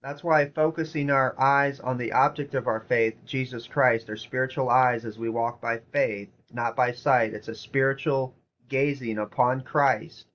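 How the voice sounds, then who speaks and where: A man's voice: mid-range voice, steady tone, measured pace, muffled recording. A man preaching a sermon in an earnest, repetitive way, reading scripture passages aloud. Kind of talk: sermon teaching.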